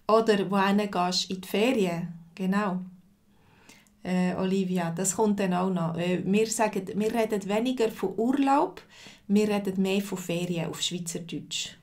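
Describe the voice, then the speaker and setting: A woman's voice: mid-range voice, a little mellow. A Swiss woman of about forty with a Swiss German accent, teaching a live-streamed language lesson and patiently answering viewers' comments by name. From Switzerland.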